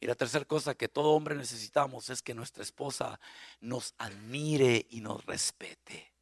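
A man preaching a sermon on marriage as a guest pastor, animated, acting out spouses' lines and shouting for emphasis. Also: medium pitch, normal speed, vocal fry, husky, dry recording, clean studio sound.

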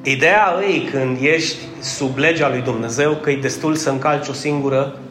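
A man's voice: medium pitch, a bit bright, roomy sound, soft background music. A man preaching a conversational sermon, joking and asking the congregation questions.

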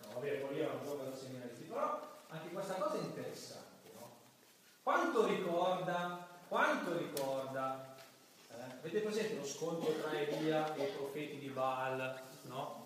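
A man giving a sermon-style talk as a priest, lively, acting out the voices of people praying to mock them. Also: on the high side, moderate pace, slight background noise. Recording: echoey church from a distant mic.

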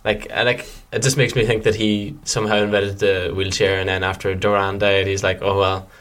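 A man's voice: on the low side, little pitch movement, fairly quick, a bit bright. A man with a Donegal Irish accent co-hosting a podcast in casual fan chat, with a rambling, jokey way of talking. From County Donegal, Ireland. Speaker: podcast co-host.

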